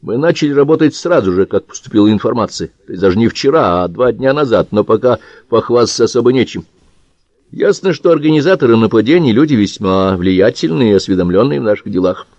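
A male audiobook reader voicing a composed head of an anti-terror agency who reports in a dry, measured way. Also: mid-range voice, expressive, darkish tone, no room sound, dull audio. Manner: dry, measured, matter-of-fact. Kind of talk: audiobook character reading.

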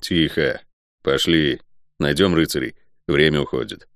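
A man's voice: rumbling low, unhurried, no room sound, clean studio sound, pitched below the performer's own voice. A man voicing a terse, weary male ranger who gives curt, clipped answers. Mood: grim.

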